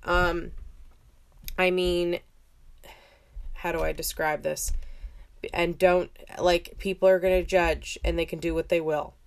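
A woman in her thirties with a slightly low voice talks casually as a solo podcast host. She is reflective and informal, often correcting herself as she goes. It is a home recording made in a bathroom. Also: level tone, takes it slowly, gravelly, long pauses. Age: 30s. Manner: informal, hesitant phrasing with frequent "like" and self-corrections.

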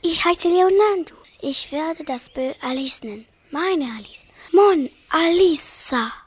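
A woman voicing an old male painter and inventor who talks in a slow, hushed whisper in a cartoon. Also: very high-pitched, lively intonation, gravelly, full character voice. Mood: dreamy. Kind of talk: cartoon voice acting.

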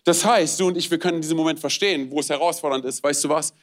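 A man preaching as a guest speaker, energetic and casual, talking straight to the listener with slangy asides. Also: on the high side, fast. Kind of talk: sermon.

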